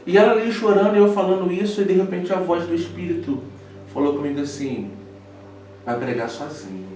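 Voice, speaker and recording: A man's voice: high-pitched, fairly even intonation, fast, a little mellow. A young man, a preacher, telling a personal story in a casual chat, emotional and laughing at himself. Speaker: preacher guest. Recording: echoey room from far off, faint music.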